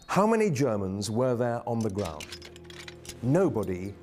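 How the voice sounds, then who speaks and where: A man narrating a history documentary in a clear, expressive scripted delivery. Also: lowish voice, a little slow, slight background noise. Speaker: documentary presenter.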